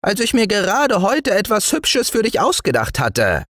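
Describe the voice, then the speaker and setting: A man voicing a small gray male forest dwarf in a bedtime storybook, with a thin, high voice and a scolding manner. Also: moderate pace, no room sound, studio quality, exaggerated voice. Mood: earnest. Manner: scolding, lively. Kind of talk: storybook reading.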